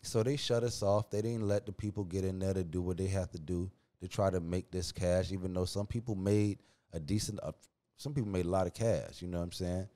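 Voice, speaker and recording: A man hosting a podcast, talking casually and heatedly in slang, his pitch jumping when he gets worked up. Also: brisk. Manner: animated, slangy, calls listener "dog"; restless pitch, rises sharply when worked up. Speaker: podcast host. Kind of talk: casual opinion talk.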